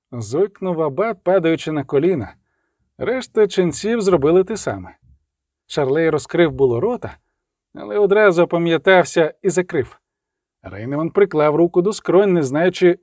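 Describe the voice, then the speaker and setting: A man narrating an audiobook in an expressive, dramatic reading style. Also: a little high, no room sound, clean studio sound.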